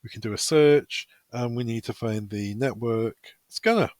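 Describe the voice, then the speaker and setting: Here a man demonstrates a product, moving through the software one step at a time with loosely improvised, down-to-earth instructions. His mid-range voice is a little mellow and runs at normal speed, with no echo present.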